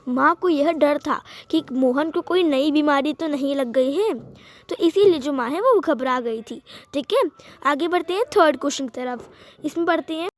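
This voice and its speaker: A woman hosting a school lesson, explaining a worksheet patiently and repeating key phrases. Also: high voice. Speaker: teacher, channel host.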